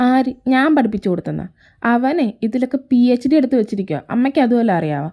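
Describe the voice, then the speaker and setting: A woman's voice: fairly high pitch, lively intonation, quick pace, dark tone, no room sound. A woman voicing a bossy, teasing young elder brother in a fan fiction audio story, talking in a sarcastic, nagging way.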